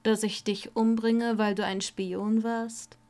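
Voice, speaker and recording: A woman voicing a dying older wizard, bitter and cold, who rasps and often sinks to a weak whisper. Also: mid-range voice, flat delivery, slow, a little mellow, natural voice. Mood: rasping weak. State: coughing, ill.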